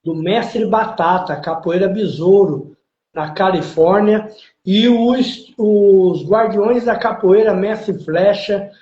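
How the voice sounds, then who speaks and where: A man hosts a live podcast interview, introducing guests formally and with emphasis. His voice is high and dark-toned, and he speaks slowly. The audio is roomy with a dull lo-fi quality.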